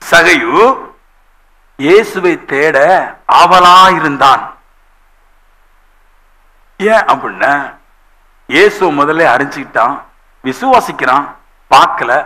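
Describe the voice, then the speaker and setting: A male pastor preaching a sermon in a church, telling lively stories and acting out the voices of the people in them. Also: fairly high pitch, slow, long pauses, poor audio.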